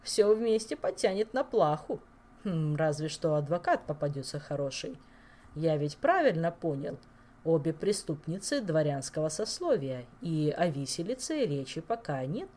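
A gloomy investigator laying out charges in a dry, matter-of-fact way, as a woman reader voices him. The voice sits low and moves with lively turns of pitch, telling a storybook scene. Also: moderate pace.

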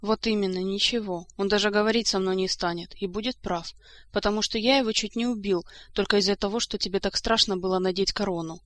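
A woman's voice: mid-range voice, fairly even intonation, fairly quick, a bit bright, close to an everyday voice. Woman reading as a hurt worn-out king, blunt, bitter, storybook voice. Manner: blunt, reproachful. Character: wounded, tired male king, blunt and bitter.

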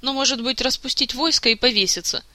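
Man doing a shrill, sulking young prince. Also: fairly even intonation, a little fast, sharp tone, no echo, exaggerated voice. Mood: sullen. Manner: shrill, accusing, petulant. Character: sulking young male prince, drunk and bitter.

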